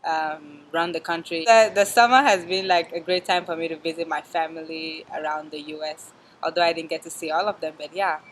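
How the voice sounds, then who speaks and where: A woman's voice: deep voice, fairly even intonation, fairly quick, a little hiss or hum, poor audio. A young woman from Cameroon, a student chatting casually and filling with "like". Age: young adult. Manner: chatty, with "like" fillers. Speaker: business student. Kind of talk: casual testimonial.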